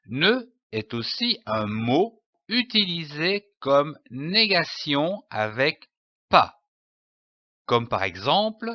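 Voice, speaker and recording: A man gives a reading lesson for young children and spells out each letter and syllable with great care. His delivery is very slow and lively in pitch, with a bright edge. The recording is dry and a little dull. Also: dry recording. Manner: spells out letters and sounds deliberately. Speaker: reading teacher.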